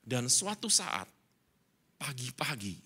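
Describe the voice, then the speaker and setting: A male pastor giving a sermon, telling his story in an animated way that swings between loud and soft. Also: medium pitch, slow, slightly rough.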